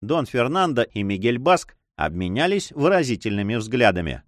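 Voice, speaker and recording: A man narrating an adventure novel as an audiobook, in an expressive reading. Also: medium pitch, normal speed, no room sound, clean studio sound. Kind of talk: scripted narration.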